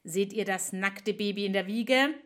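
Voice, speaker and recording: A woman's voice: medium pitch, a little slow, a bit bright, natural voice. A woman voicing a jealous, cruel goddess who gives scornful commands to her servants. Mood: imperious.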